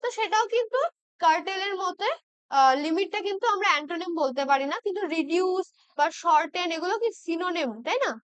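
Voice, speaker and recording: A woman's voice: very high voice, fast, a bit bright, no echo. A woman teaching English exam practice questions, checking in with tag questions and spelling words out letter by letter.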